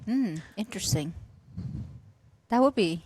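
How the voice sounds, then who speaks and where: A woman's voice: mid-range voice, animated, a little slow, a little mellow, dry recording. A woman in her thirties hosts a live podcast taping, her voice in an ordinary middle range. She invites questions and sums them up for listeners at home, and the sound is dry and close. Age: 30s. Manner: friendly, inviting, recaps for listeners. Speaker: podcast host. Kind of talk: hosting a live podcast recording.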